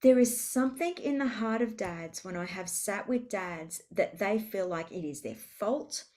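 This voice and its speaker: A woman, a parenting specialist, speaks as a podcast guest in a mid-pitched voice. She is animated and emphatic, telling vivid stories from her work with parents in a conversational way. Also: a little slow. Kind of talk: conversational interview.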